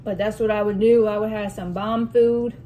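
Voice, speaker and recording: A woman chatting casually as a vlog host while eating soup in a mukbang, reading out questions and pausing to clear her throat. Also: medium pitch, flat delivery, dark tone, poor audio. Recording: noticeable room noise with dish and cutlery clatter. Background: clinking cutlery and dishes.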